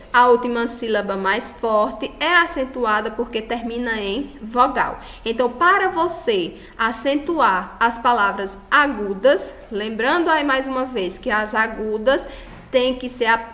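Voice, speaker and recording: Her voice on the high side and her pace measured, this Brazilian Spanish teacher records a lesson in a Brazilian Portuguese accent. She's warm with her students, checks in with them often, and hits every example word with loud emphasis.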